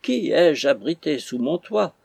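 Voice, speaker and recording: A man reading an audiobook, voicing an indignant, blustering captain who accuses and bullies in a husky voice. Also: mid-range voice, animated, unhurried, a little mellow, dry recording. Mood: outraged. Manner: accusing, bullying.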